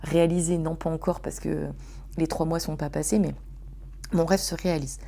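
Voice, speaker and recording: A woman hosting a casual storytelling podcast, slangy, swearing and animated as she talks to her listeners. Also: low-pitched, normal speed, vocal fry. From France. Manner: slangy and swearing, addresses listeners as "les gars". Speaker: podcast host.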